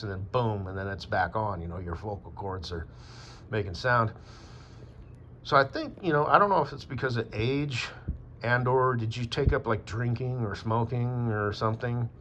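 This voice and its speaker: A man's voice: medium pitch, pushed and bright, a little hiss or hum. A man from Wyoming talking in a rambling, casual monologue, meandering with fillers and swearing. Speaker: vlogger. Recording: dull lo-fi with faint ambience.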